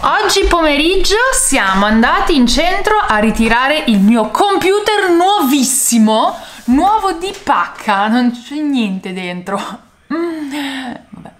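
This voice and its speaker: A young woman vlogging casually at home in her kitchen, chatty and animated, now and then dropping English phrases. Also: sits high, slow, slight background noise. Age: young adult. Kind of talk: casual vlog chat. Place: home loft kitchen, indoors.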